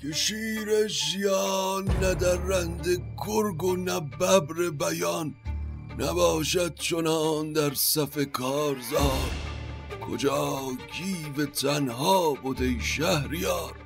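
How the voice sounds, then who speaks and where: A man voicing a captured old general who recounts his defeat in a high, strained, drawn-out lament. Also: vocal fry, music in the background, natural voice. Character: captured old male general, bound and humiliated. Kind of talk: storytelling from an epic.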